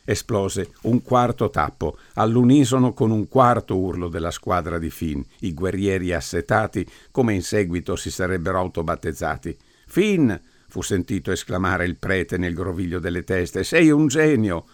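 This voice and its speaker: Theatrical male narrator, low and dry. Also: normal speed, hardly any pauses, no room sound. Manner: theatrical, voices the quoted characters louder and higher. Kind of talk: audiobook narration with character voices.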